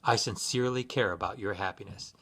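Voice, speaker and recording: A man giving sincere, measured spiritual guidance in a scripted instructional talk, with occasional fillers. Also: fairly low pitch, background noise. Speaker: Buddhist practitioner giving guidance.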